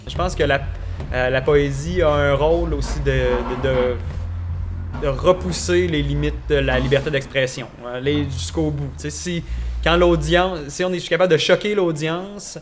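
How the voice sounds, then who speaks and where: A man answers an interview question thoughtfully, stalling and restarting as he searches for words. His voice sits a bit high, with faint ambience behind him. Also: normal speed, noisy background. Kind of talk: reflective interview.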